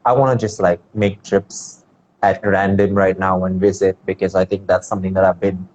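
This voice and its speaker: A man from India, a dance teacher, speaking on a video call in a relaxed, rambling way full of "like"s. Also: deep voice, moderate pace. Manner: relaxed, rambling, many fillers like "like". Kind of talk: casual video-call conversation. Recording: dull lo-fi video call audio with faint background noise.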